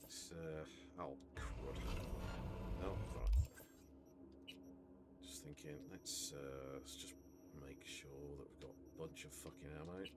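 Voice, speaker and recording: A man's voice: rumbling low, slow, long pauses. A man giving casual, muttered, sweary gameplay commentary. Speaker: gaming streamer. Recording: loud game noise behind commentary.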